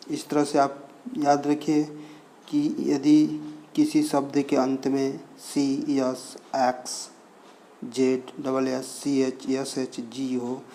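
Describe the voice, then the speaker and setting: A man explains pronunciation rules at an unhurried pace, naming letters one by one and saying each example word twice. His voice stays level and even, with little rise and fall. Faint crickets and insects chirp behind him. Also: medium pitch, a little hiss or hum. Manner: slow, deliberate, spelling out letters one by one and repeating example words. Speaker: English pronunciation teacher. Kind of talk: Hindi-language explanation of English pronunciation.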